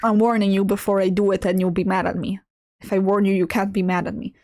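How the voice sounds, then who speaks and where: A woman hosting a casual livestream, chatting playfully with her viewers and breaking into animated exclamations. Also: mid-range voice, fast talker. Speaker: livestream host, artist. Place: indoor room at a computer.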